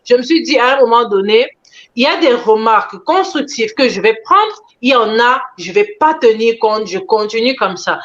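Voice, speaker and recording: A woman interviewed about her animation work, telling her story in an expressive, animated way. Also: on the high side, moderate pace. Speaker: animation creator being interviewed. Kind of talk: conversational interview answers. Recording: dull lo-fi sound.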